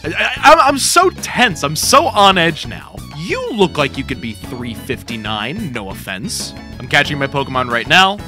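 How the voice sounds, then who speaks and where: A man in his thirties with a Long Island accent, bantering casually through a game in an excitable, dramatic, sweary way, close to the microphone. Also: a little high, normal speed, few pauses, soft background music. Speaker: gaming challenge player. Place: small indoor room with a drum kit. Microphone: close boom-arm microphone.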